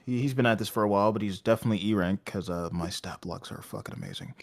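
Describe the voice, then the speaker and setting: Tabletop player, male, lowish voice, loose and profane, jokey. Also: fast talker. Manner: loose, swears freely, joking. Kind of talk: casual tabletop game chat.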